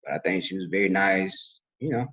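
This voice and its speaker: Podcast host, male, husky, reflective and easygoing, dull recording. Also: low-pitched, fairly quick, bright, forceful tone. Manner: reflective, loose and conversational, many fillers. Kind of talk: casual conversation.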